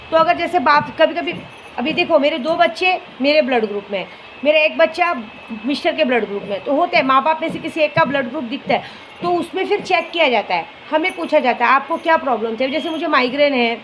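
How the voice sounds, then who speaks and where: A woman's voice: sits high, a bit bright, a little hiss or hum, poor audio. A woman in her forties talking straight to camera in a candid, indignant monologue, complaining and repeating her points. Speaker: vlogger.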